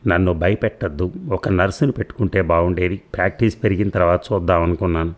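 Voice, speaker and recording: A man's voice: deep voice, steady tone, fast talker. A man voicing a flustered, nervous male new doctor who stammers and panics.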